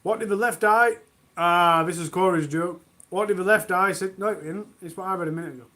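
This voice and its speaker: Male streamer, high voice, reads bad jokes live from home and groans at them. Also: a little fast, bright, forceful tone. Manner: self-mocking, groans at own jokes. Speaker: livestream host. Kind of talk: reading jokes on a charity livestream.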